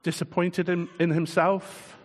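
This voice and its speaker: A man preaching a sermon in a relaxed, conversational way, chuckling often and putting questions to his listeners. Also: high voice, measured pace, in a large hall.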